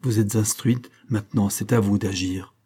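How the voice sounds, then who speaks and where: A man's voice: lowish voice, steady tone, moderate pace, mellow, husky. A man reading a stern cold bishop. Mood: grave.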